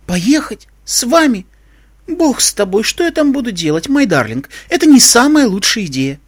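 A man's voice: very high-pitched, sing-song, normal speed, slightly rough, no room sound, studio quality, pitched above the performer's own voice, full character voice. Man doing a mincing, affected unicorn queen. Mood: scornful. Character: vain glamorous female unicorn queen, affected.

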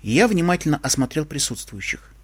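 Brief: expressive male storyteller, animated pitch. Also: a little fast, breathy edge. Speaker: narrator. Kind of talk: audiobook reading.

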